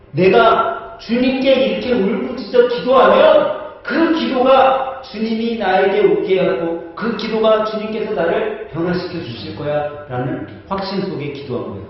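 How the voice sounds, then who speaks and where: A male pastor preaching an animated, conversational sermon, often asking the congregation questions, recorded in a church sanctuary. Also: sits high. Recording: echoey church hall, distant mic, dull.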